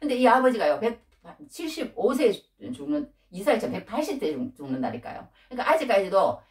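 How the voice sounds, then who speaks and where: Woman preacher, lively pitch, chatty sermon delivery, roomy sound from a distance. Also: brisk. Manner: animated, conversational preaching with rhetorical questions. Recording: echoey room, mic at a distance.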